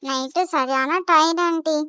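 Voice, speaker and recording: A woman's voice: high voice, steady tone, measured pace, pushed and bright, no room sound, muffled recording. A woman voicing a sweet, polite young woman who is a guest in a cartoon, with a Tamil accent. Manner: polite and soothing.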